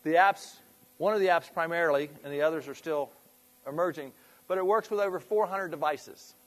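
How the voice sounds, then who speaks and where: A man with a slightly raised pitch gives an informal business presentation to a live group. He talks conversationally, throws questions out to the audience and often trails off and restarts mid-sentence. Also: fairly quick, fairly bright tone. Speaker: presenter at a fitness club industry meeting.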